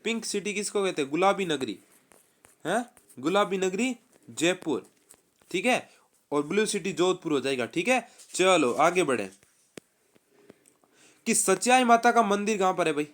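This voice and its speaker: Brisk high-voiced quiz teacher. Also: male voice, animated, fairly bright tone. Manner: brisk, quizzing, repeats answers, calls students bhai. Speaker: online exam-prep teacher. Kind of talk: live quiz class.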